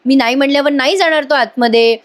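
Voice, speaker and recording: A woman's voice: sits high, quick pace, pitched above the performer's own voice, close to an everyday voice. A woman voicing a firm, dismissive middle-aged mother.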